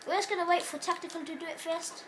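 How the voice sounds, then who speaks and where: With an extremely high pitch and fairly even intonation, a woman moves at a quick pace through casual, rambling gameplay commentary for her gaming channel. She is sick, nasal and coughing at points. Recorded on a phone aimed at a TV in a dark room, the audio carries a little hiss or hum.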